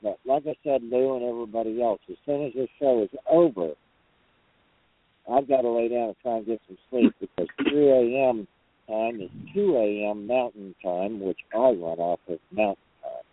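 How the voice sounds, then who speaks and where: Hesitant and rambling, a man with a medium-pitched voice hosts a casual truckers' call-in program from a parked truck, keeping a folksy tone at a moderate pace. His voice is echo-free but squeezed into a tinny phone or radio line.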